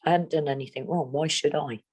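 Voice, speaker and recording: A woman's voice: low voice, fairly even intonation, a little mellow, breathy edge. A middle-aged woman from England, speaking bluntly and steadily as an interviewee. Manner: blunt, plain-spoken, measured. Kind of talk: candid interview.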